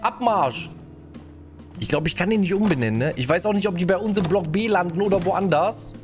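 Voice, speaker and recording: A man streams a game live, giving gameplay commentary while chatting and greeting viewers, often ending his sentences with a questioning "ne?". His voice is high-pitched, animated, and brisk, with music in the background.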